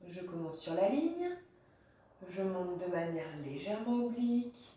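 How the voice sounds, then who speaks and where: A woman teacher explains handwriting slowly and evenly, naming each pen stroke as she makes it. Her voice is mellow and low in brightness. She sits back from the microphone in a very echoey room. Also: recorded from a distance. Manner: calm, step-by-step, narrating each pen stroke. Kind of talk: slow handwriting demonstration. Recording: very roomy, voice off-mic.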